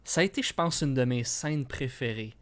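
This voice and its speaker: Young Quebec podcast co-host, man, mid-range voice, halting and unsure, casual chat. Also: mid-range voice. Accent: Quebec French. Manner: hesitant, restarts often, self-doubting. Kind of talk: casual film discussion.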